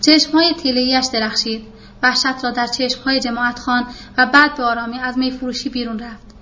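A woman's voice: high-pitched, fairly even intonation, bright, forceful tone, highs cut off. A woman narrating a novel as a scripted audiobook reading, giving the characters' lines in her own voice.

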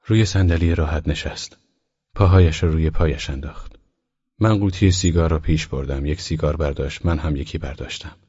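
A man narrating an audiobook in a steady, measured reading voice. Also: rumbling low, slightly rough. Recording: dull lo-fi recording.

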